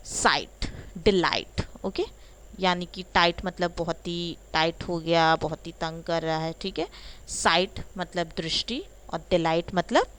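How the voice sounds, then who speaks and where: A woman's voice: fairly low pitch, fairly bright tone, low-quality recording. A woman teaching a spoken English lesson, saying each word and then giving its Hindi meaning.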